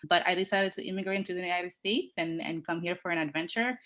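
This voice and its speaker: A woman from the Dominican Republic with a low voice and a fairly bright tone tells her career story as a guest on a podcast. She leads workforce development, and she speaks earnestly and in a measured way, building her points as lists.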